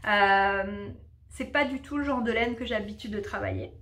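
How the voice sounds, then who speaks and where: A woman's voice: mid-range voice, moderate pace, a bit bright. A woman hosting a knitting podcast, who also teaches English, chatting casually with lots of fillers and restarts. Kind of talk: casual chat.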